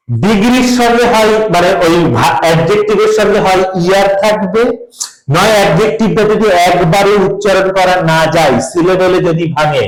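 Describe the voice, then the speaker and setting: A man teaching a grammar class, his voice sitting a little high. He quizzes his students and has them spell words back, his delivery rising and falling with lots of movement. The room around him is roomy and echoey. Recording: roomy echo.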